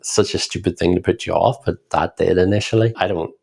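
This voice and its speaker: A man with a Northern Irish accent talks through his experience in a relaxed, explanatory podcast style. His voice sits low and carries a gravelly texture. The delivery stays level, with little rise and fall. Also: brisk. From Northern Ireland. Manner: reflective, explanatory, steady. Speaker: podcast co-host, founder. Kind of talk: casual podcast conversation.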